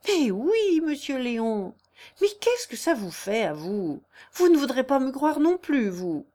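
A woman's voice: medium pitch, expressive, measured pace, a little mellow, natural voice. A woman voicing a candid young country girl who protests her innocence sincerely in a read-aloud novel. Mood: sincere, aggrieved.

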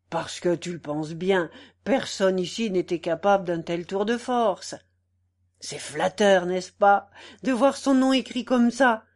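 Woman putting on a pompous bullying squire. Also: medium pitch. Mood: boastful. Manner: boastful, then furious and shouting, then fawning.

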